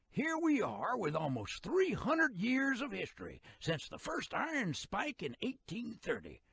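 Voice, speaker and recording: In a video game, a male actor plays an excitable, folksy old-timer who guides folks along the railroad, with a creaky rural American voice and colloquial, theatrical flair. The performance is heavily acted and very high-pitched, with no echo.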